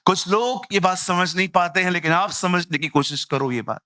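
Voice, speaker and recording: A man preaching a lively sermon, acting out people he meets and mocking them. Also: sits high, moderate pace, no echo, clean studio sound.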